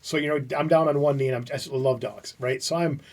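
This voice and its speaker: Animated storytelling man, set back from the mic. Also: fairly high pitch, fast, distant mic. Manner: animated storyteller who acts out quotes. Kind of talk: casual podcast chat.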